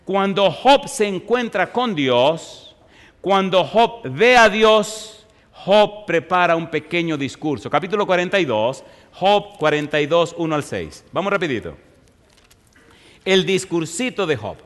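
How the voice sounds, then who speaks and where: A man preaching a sermon in a fairly high voice, drawing in his congregation with rhetorical questions. He grows louder and slower when he reads scripture. His voice rings with the long reverb of a large church hall. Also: big pitch swings. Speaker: pastor.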